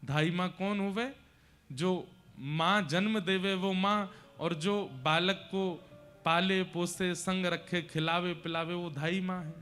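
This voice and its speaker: A male preacher tells a devotional story in an emotional, dramatic way. His voice is high and bright, with faint music underneath. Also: fairly even intonation, slow, clear, resonant tone. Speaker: katha preacher.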